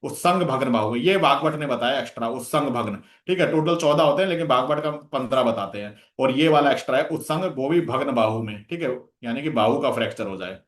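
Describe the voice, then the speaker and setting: A man's voice: medium pitch, animated, fairly quick, few pauses. Man, exam revision lecture, lists terms, memory tricks, roomy echo. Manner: lists terms with memory tricks, frequent "theek hai" checks. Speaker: exam coaching teacher.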